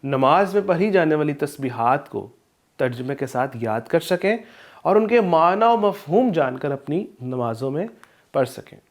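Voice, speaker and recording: A man teaching an Islamic studies lesson with a Pakistani Urdu accent, explaining rules slowly and chanting verses in drawn-out recitation. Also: on the high side, lively intonation. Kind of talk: recorded video lesson with Quran recitation.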